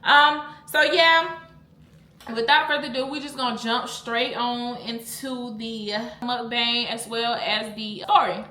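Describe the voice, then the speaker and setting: A woman's voice: on the high side, fairly even intonation, a little slow, pushed and bright, reverberant, a little hiss or hum. A woman vlogger telling a storytime in a blunt, chatty way while eating, and she often drifts off topic. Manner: chatty, blunt, easily sidetracked.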